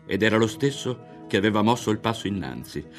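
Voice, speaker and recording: A man narrating a literary novel in a dramatic, expressive reading with voiced characters. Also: on the low side, fairly quick, faint music behind. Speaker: audiobook reader.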